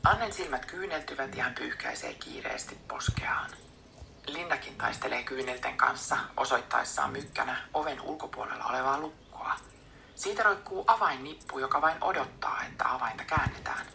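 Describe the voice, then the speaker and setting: A woman's voice: a bass voice, very animated, vocal fry, a little hiss or hum. Whispering woman reading a book. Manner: soft unvoiced whisper. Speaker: audiobook reader.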